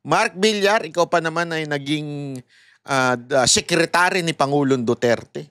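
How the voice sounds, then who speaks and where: A man's voice: a little high, moderate pace, a bit bright, no echo, studio quality. A man giving heated, sarcastic political commentary straight to his viewers. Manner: mocking, heated and sarcastic, addressing viewers directly.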